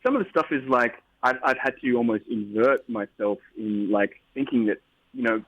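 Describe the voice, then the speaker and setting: A man's voice: mid-range voice, normal speed, dry recording. A man, a musician guest, talking in a rambling, upbeat way with many restarts in a casual interview. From Australia. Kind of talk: casual interview over the phone. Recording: tinny phone line.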